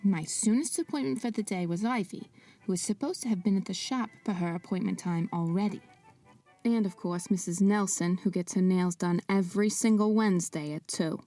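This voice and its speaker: Wry woman narrating a mystery, dark tone. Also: mid-range voice, moderate pace, recorded from a distance, faint music behind. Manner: wry, sarcastic asides. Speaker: narrator and protagonist. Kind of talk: scripted drama narration.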